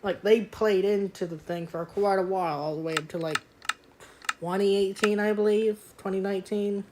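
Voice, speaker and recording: An eighteen-year-old woman with a youthful, almost childlike voice chats casually on a gaming stream, rambling with plenty of fillers and clearing her throat often. Her voice is mid-range with fairly even intonation at a moderate pace, and there's background noise.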